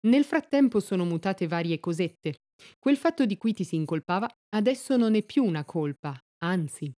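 A man's voice: high voice, animated, moderate pace, darkish tone, no echo, clean studio sound. A woman voicing an insistent male rural policeman who raises his voice as he questions people, in a read-aloud story. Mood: cheerful. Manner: raises voice, demanding.

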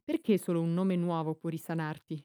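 A woman's voice: lowish voice, little pitch movement, brisk, mellow, smooth, dry recording, clean studio sound, natural voice. A woman voicing an earnest, tired young boy warrior in an audiobook, in a plain reading voice.

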